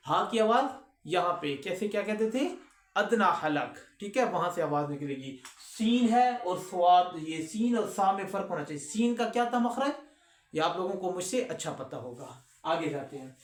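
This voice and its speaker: A man teaching recitation rules, who recites verses slowly and drawn out between quick explanations and asks his students questions. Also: sits high, roomy sound. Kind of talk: recorded lesson with slow recitation.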